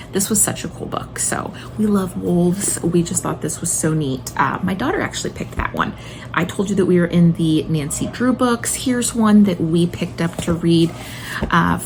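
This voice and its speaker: The speaker is a woman in her late thirties, a homeschooling mother who hosts videos and here chats with viewers about books she recommends. She sounds enthusiastic, emphatic and informal, with a fairly low pitch. The audio quality is poor and has slight background noise.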